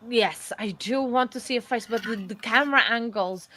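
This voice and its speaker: Female livestream host, slightly high pitch, casual and joking, scattered delivery. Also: normal speed, bright, forceful tone.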